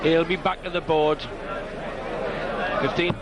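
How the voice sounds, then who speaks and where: A man's voice: a little high, little pitch movement, slow pace, highs cut off. A man giving live darts commentary with colourful, theatrical turns of phrase. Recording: loud crowd and noise behind. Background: noisy darts crowd.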